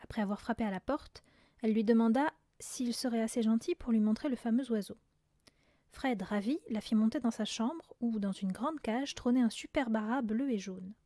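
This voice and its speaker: Brief: woman audiobook narrator, expressive, a bit high, dry close mic. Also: moderate pace, dry recording. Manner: lively, expressive reading. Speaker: audiobook reader. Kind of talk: storybook narration.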